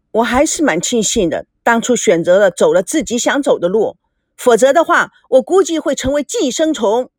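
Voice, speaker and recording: A woman's voice: dry recording, clean studio sound. A woman voicing an indignant young woman arguing back at her father. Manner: protesting, high and animated.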